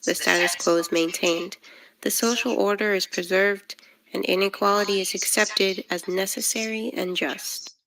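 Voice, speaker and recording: A woman narrating a video essay in a measured, explanatory way, heard as doubled audio that echoes from a second device while the clip plays over a stream. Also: medium pitch, steady tone, creaky, fairly bright tone. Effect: doubled playback audio echoing from a second device. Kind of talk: scripted narration.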